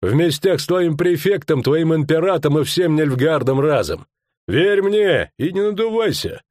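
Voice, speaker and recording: Man voicing a mocking mercenary, coarse rural talk, raised pitch, dry close sound. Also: lively intonation, moderate pace, a little mellow, no room sound. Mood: scornful. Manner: mocking, coarse folksy speech.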